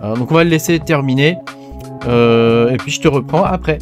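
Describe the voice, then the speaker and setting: A French man hosts a casual screen-recorded tech tutorial, addressing the viewer informally with many fillers and tags such as "hein". His voice is medium-pitched at a moderate pace, with soft music playing in the background.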